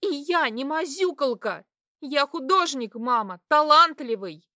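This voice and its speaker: A woman's voice: expressive, a little slow, no room sound, studio quality, heavily acted. A woman playing a defiant young daughter. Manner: high, shouting, tearful defiance.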